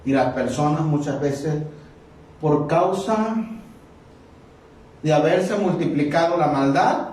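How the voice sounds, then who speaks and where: A man preaching with a fairly high voice, passionate and dramatic, acting out the people in his story. He sounds far from the mic, and his words ring in a very echoey church hall. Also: slow, long pauses, a little mellow. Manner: impassioned preaching, acting out quoted dialogue. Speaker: pastor. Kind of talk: sermon.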